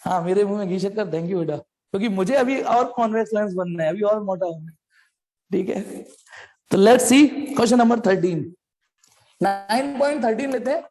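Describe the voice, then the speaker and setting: A man's voice: sits high, moderate pace, a little mellow, faint music behind. A male physics teacher talks his students through problems in a loose, joking, chatty way, calling them "beta" as he goes. His voice carries a long reverb tail, as if recorded in a large, echoing space. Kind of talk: live online class lecture.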